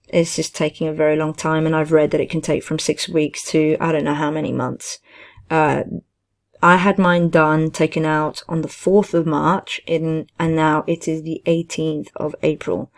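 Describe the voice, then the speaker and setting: Low-pitched woman, halting casual chat. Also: gravelly. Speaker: vlogger, teaching assistant. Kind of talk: casual chat, personal recovery advice.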